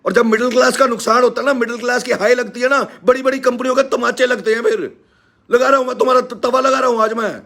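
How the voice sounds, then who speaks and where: A man with a Haryanvi accent hosting a live stream, ranting loudly and indignantly as he scolds a company. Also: very high voice, steady tone, fast talker, vocal fry. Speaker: live-stream host and teacher. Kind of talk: angry live-stream rant.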